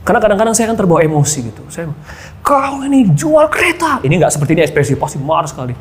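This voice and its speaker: A man preaching a sermon, often calling out to the congregation and dropping to quiet asides. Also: on the high side, animated, racing, slight background noise. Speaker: pastor. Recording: long hall reverb, faint background ambience.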